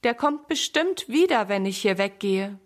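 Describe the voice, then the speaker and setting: A woman's voice: medium pitch, expressive, a little slow, lightly acted. A woman voicing an eager, earnest little boy in a children's storybook reading. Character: excited little boy Sammy guarding strawberries.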